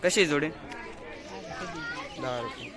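A man's voice: on the high side, wildly swooping pitch, drawn-out words. A man vlogging as he walks through an outdoor village market, asking short, friendly questions and repeating the answers back. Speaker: vlogger touring a school children's market. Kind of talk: casual walk-around interviewing. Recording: busy outdoor crowd noise. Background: crowd of children.

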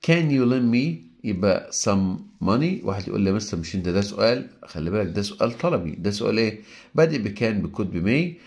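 A man with an Egyptian Arabic accent walks through an English grammar lesson in a somewhat low voice. He reads each example sentence slowly and voices his students' objections before answering them. His delivery is patient and methodical. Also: animated, darkish tone. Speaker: English teacher.

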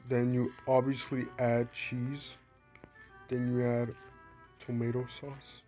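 A man's voice: mid-range voice, flat delivery, slow pace, dark tone, soft background music. A young man who is sick, casually narrating his game in a rambling, playful, self-mocking way. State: sick, coughing. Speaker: gaming vlogger. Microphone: phone screen recording.

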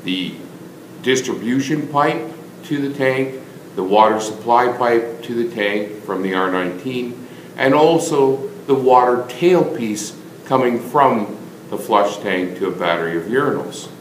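A middle-aged man, a plumbing instructor, giving scripted narration for a lesson in a measured, methodical way, step by step. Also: medium pitch, expressive, slight background noise.

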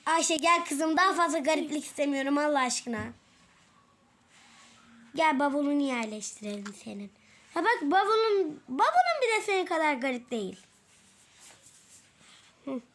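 A woman's voice: high voice, expressive, normal speed, pauses often, a bit bright. A woman voicing a fussy, exasperated middle-aged mother in a toy role-play story, who keeps muttering exclamations under her breath.

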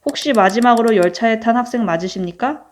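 A woman's voice: a little high, quick pace, close to an everyday voice. Woman voicing a brusque young subway worker. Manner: casual, brusque, matter-of-fact. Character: young male subway service worker, breezy. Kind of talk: reading a story game aloud.

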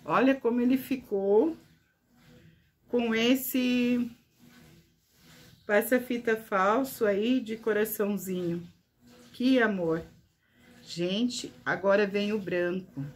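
A woman's voice: mid-range voice, takes it slowly, pauses often. A woman showing her handmade crafts to viewers in a casual vlog, gushing with praise and often calling out to her audience. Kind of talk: casual show-and-tell vlog.

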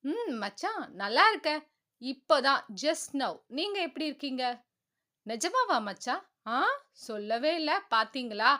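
A woman's voice: sits high, big pitch swings, measured pace, bright, forceful tone, heavily acted. A woman voicing an easygoing, cheerful young man who chats in a breezy, talkative way in a storybook reading.

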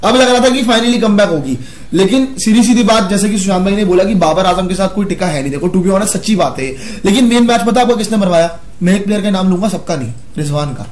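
A man's voice: high-pitched, quick pace, a little mellow, reverberant. A man co-hosting a casual cricket discussion, making earnest, argumentative points. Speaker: cricket show co-host.

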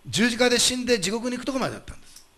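A male pastor delivering a sermon, emphatic and animated, putting rhetorical questions to the congregation. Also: very high voice, rapid-fire.

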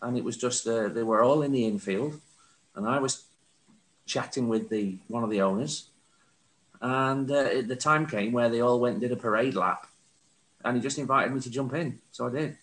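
A man's voice: mid-range voice, moderate pace, fairly bright tone. Man, casual chat, dry humor, roomy video-call sound. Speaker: panel member.

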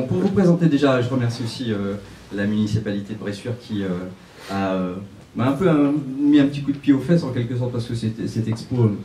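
A man's voice: lowish voice, mellow. Middle-aged man, chatty, distant echoey mic. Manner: chatty, repeats words as he goes. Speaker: photographer presenting his exhibition. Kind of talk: casual speech to an audience. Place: small gallery, indoors. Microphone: handheld mic. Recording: distant mic in echoey room with faint crowd noise.

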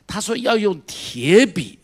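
Man, middle-aged, pastor, sermon, fairly high-pitched, animated, hushed storytelling and shouting, questions to listeners. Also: slow. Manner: animated, swings from quiet storytelling to shouted exhortation; asks the congregation repeated direct questions.

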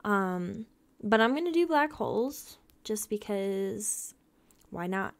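A woman's voice: medium pitch, expressive, slow pace, creaky. A young adult woman hosting a casual reaction vlog, rambling with lots of ums and little laughs. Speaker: reaction video host.

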